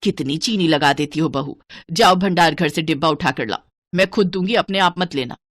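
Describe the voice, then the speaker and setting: A woman's voice: low-pitched, normal speed, dry recording, voice pushed down. A woman voicing a stingy, bossy middle-aged mother-in-law who nags and scolds in a cartoon story. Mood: stern. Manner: scolding, penny-pinching nagging.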